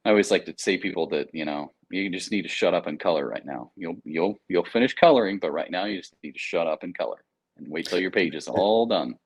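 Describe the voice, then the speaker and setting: Deep-voiced and slightly rough, an American air traffic controller speaks briskly as a guest in a casual interview. He explains things through informal anecdotes and slang.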